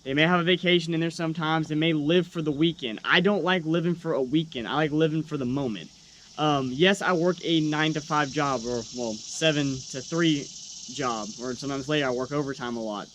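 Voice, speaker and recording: Young male vlogger, slightly high voice, earnest and encouraging, casual delivery, faint background noise. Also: brisk, fairly bright tone. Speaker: YouTube truck vlogger. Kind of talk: casual, unscripted vlog talk to viewers.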